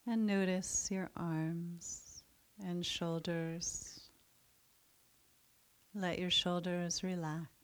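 In a soft, soothing voice, a woman leads a mindfulness meditation, speaking very slowly with long pauses between phrases. Her pitch is slightly low, and her tone is level and clean.

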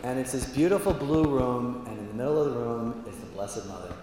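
A man's voice: mid-range voice, brisk, background noise. Man telling a joke in an echoey hall. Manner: animated, acting out scenes, chuckling asides. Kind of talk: storytelling a joke to an audience. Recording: echoey hall with faint ambience.

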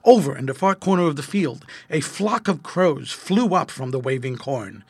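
Man reading a kids storybook, husky and bright, real dry sound. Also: a little high, normal speed, no room sound. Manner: expressive, lively read-aloud. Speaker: narrator. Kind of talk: scripted storybook narration.

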